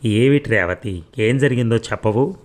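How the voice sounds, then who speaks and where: A man voicing an earnest young bachelor who talks in a gentle, coaxing way, in a read-aloud story. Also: mid-range voice, moderate pace, lightly acted. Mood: concerned.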